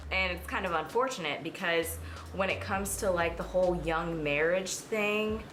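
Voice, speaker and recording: Sitting at her mirror at home, a woman in her twenties who makes beauty videos talks loosely to her audience while applying makeup, filling her rambling with "um"-type fillers. She has a fairly low, slightly bright voice, and a bit of hiss or hum can be heard.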